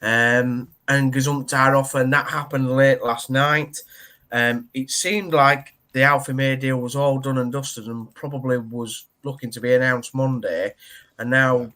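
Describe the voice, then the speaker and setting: A man's voice: mid-range voice, fairly even intonation, measured pace, bright, forceful tone. A man hosting a casual football podcast, chatty and teasing, with plenty of ums and uhs. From Yorkshire, England. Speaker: podcast host.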